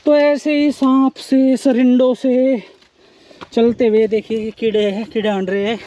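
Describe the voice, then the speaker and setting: Male travel vlogger, high-pitched, casual reflective narration while hiking outdoors, handheld camera mic. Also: level tone, measured pace, mellow, muffled recording. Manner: reflective, musing, philosophical asides; talks while hiking barefoot uphill. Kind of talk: casual walking vlog narration. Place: outdoors on a forested hillside.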